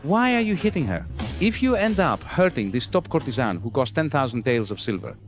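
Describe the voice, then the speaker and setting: Man acting an animated, bossy brothel thug. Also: medium pitch, moderate pace, soft background music, close to an everyday voice. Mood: menacing, bossy. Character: callous, greedy brothel henchman, bossy and menacing. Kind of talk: dubbed costume drama acting.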